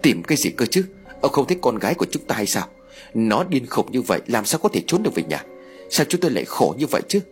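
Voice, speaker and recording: A man reading an audio story, voicing a grief-stricken older mother who wails and blames her husband. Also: medium pitch. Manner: tearful, pleading outbursts.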